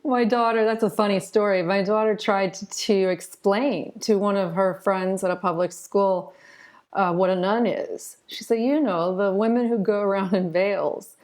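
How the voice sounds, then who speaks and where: Being interviewed, a middle-aged American children's author and illustrator explains her answers informally and chattily, often through storytelling. She has a steady, slightly mellow mid-range voice at a moderate pace.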